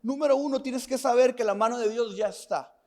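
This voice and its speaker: Male pastor, very high voice, earnest and repetitive, mixes personal stories into the sermon. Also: fairly quick, a little mellow. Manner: earnest, repeats phrases and asks the listener questions.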